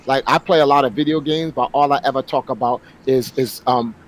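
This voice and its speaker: A man's voice: mid-range voice, fairly quick, poor audio. Emphatic man in his forties. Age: 40s. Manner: animated, emphatic, repeats words when starting a thought. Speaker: panel guest. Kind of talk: casual online panel chat.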